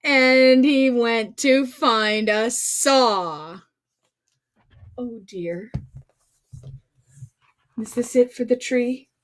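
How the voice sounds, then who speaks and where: A woman with a fairly high voice reads a picture book to kids over a livestream, drawing out words and pausing often. Her manner is playful and full of exclamations, dramatic emphasis and asides to the young audience.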